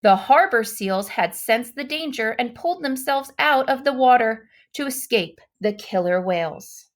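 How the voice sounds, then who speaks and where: A woman reading a children's story aloud in an expressive, dramatic way, leaning on key words and exclamations. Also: fairly high pitch, measured pace. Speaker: storybook reader.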